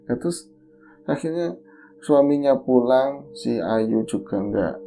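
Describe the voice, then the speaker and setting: A man's voice: medium pitch, takes it slowly, creaky, soft background music. A man hosting a podcast, casually telling a horror story and acting out the people in it. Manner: lively, acts out quoted voices. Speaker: podcast host.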